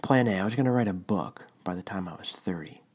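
Whispering man, low and husky. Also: fast, a little mellow. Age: 30s. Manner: conversational, checks in with listener. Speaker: devotional podcast host. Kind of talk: casual reading of a blog post. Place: at home, partner asleep next room.

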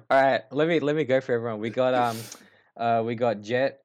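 A man's voice: medium pitch, normal speed, highs cut off. A young Australian man hosting a casual group podcast over a voice call, laid-back and stumbling over his words as he laughs along. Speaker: podcast host.

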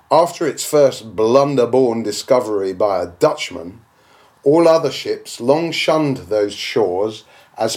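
As an audiobook reader, a man with a medium-pitched, slightly mellow voice reads a classic novel as dramatic narration. His style is declamatory and oratorical, with rhetorical questions.

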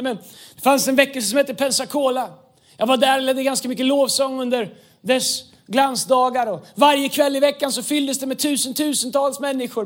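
A male pastor with a very high voice preaches an impassioned sermon, frequently rising to a shout and mixing English phrases into his speech.

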